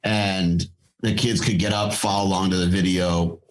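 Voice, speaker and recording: Low-voiced man chatting with many restarts. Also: little pitch movement, moderate pace, poor audio. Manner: thoughtful, lots of fillers and restarts. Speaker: podcast guest, fitness company founder. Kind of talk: casual interview talk.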